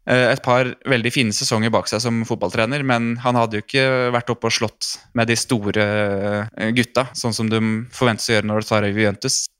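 A man speaks as a football expert in a casual, thoughtful way, pausing with fillers. His voice is low and smooth, and the recording is dry and close. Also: fairly bright tone, dry recording. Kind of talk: casual interview talk.

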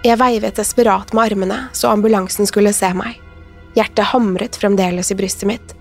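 A woman's voice: mid-range voice, fairly even intonation, gravelly. Woman narrating a horror tale over music. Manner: measured, suspenseful first-person telling. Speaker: podcast narrator.

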